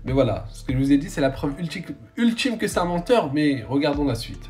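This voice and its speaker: A man's voice: on the high side, very animated, fairly quick, darkish tone, faint music behind. A man giving an accusatory exposé monologue, insistently pointing things out to viewers. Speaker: influencer.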